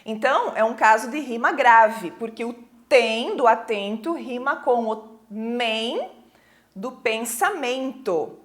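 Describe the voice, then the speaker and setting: A woman's voice: on the high side, lively intonation. A Brazilian woman teaching a recorded school lesson, explaining patiently, checking in with the class and reading poems aloud. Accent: Brazilian Portuguese. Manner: reads poems aloud slowly.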